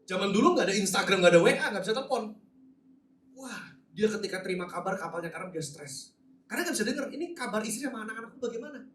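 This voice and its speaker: A man's voice: high-pitched, expressive, fast talker, fairly bright tone. A man preaching a sermon as pastor, talking conversationally and animatedly, often turning to address the congregation directly. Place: large church hall. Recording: roomy echo, voice from some distance.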